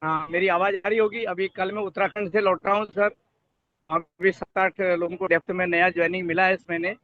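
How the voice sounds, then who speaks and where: A man's voice: high-pitched, level tone, fairly quick, dry recording. A senior team leader, a man, giving brief, gracious and thankful remarks over a call. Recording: tinny phone-like call line.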